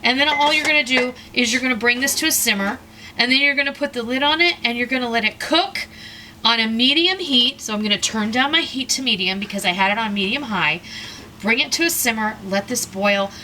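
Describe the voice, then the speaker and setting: A woman's voice: a little high, fairly quick, pushed and bright, a little hiss or hum. A middle-aged woman hosting a home cooking tutorial, chatting casually and folksily straight to her viewers from her kitchen. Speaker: cooking channel host.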